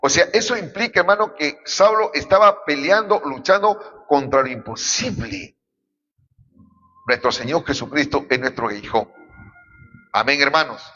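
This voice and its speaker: A man's voice: on the high side, pushed and bright. Pastor man preaching hard, keeps calling everyone brother, dull muffled echoey hall. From Peru. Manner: fervent, repeatedly addressing the congregation. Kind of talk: sermon.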